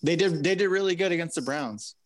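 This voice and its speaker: Slightly high-voiced defensive man. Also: a little fast. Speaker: podcast co-host. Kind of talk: casual sports chat.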